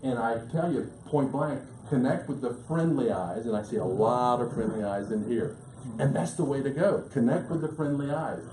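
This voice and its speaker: A man giving a fast, emphatic business seminar presentation to a live audience in a meeting room. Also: medium pitch, expressive, warm tone. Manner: emphatic, rapid, listing points. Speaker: business speaker. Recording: roomy room, faint background hum.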